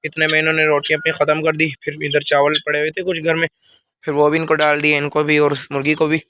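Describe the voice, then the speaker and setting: A man's voice: fairly high pitch, monotone, quick pace, pushed and bright, no echo. A young man with a Pakistani Urdu accent, feeling feverish and unwell, rambling casually to viewers while feeding his birds in a vlog. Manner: plain, rambling talk to viewers. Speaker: vlogger keeping birds. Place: outdoor rooftop bird enclosure. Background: chickens and birds clucking.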